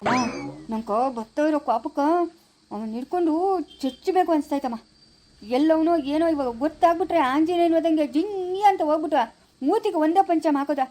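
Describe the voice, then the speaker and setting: A woman's voice: sits high, fairly quick, dark tone, a little hiss or hum, natural voice. A woman doing a hot-tempered son. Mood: furious. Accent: Chikkaballapura Kannada. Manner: angry, threatening, blustering. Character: hot-tempered young son defending his mother.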